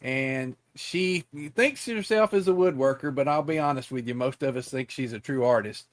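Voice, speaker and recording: A man hosting a casual interview show, folksy and halting, with many fillers and restarts. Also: medium pitch. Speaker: podcast host.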